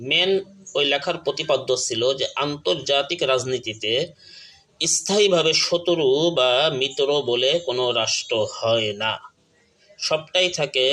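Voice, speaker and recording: This earnest direct-to-camera political talk comes from an online channel speaker with a bright, forceful, mid-range voice. He stammers and restarts now and then while punching each example in his list, all captured in a rough recording.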